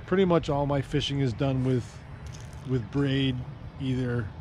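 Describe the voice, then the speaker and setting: A man in his thirties hosts a fishing channel, narrating a casual vlog as he casts from a lake dock, chatty and excited whenever fish strike. His voice is mid-range and his pace measured. An action camera records him, first chest-mounted and then on a stand, its outdoor mic picking up noticeable background noise.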